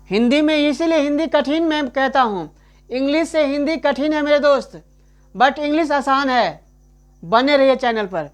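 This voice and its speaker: A man with a very high voice teaches a grammar lesson in a chatty style. He keeps asking "right?", calls the listener his friend, and repeats example sentences slowly.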